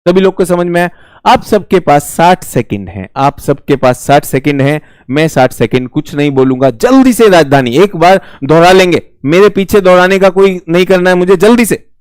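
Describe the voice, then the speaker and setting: A man's voice: high voice, expressive, normal speed, darkish tone, clear, resonant tone, no room sound, studio quality. A man with an Indian accent teaching geography in a live online exam-prep class, chatty and teasing, repeating key words.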